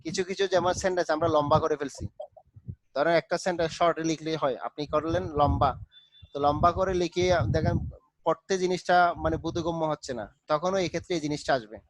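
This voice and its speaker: A man's voice: a little high, steady tone, fast talker, dry recording, low-quality recording. A man tutoring students in a live online class, patiently walking them through steps and mixing in English terms. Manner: patient, repeats instructions, mixes English terms into speech.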